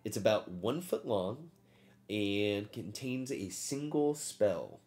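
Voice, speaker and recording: A man's voice: lowish voice, very animated, slow pace, a little mellow. A man acting as game master, narrating a tabletop game and reading out rules.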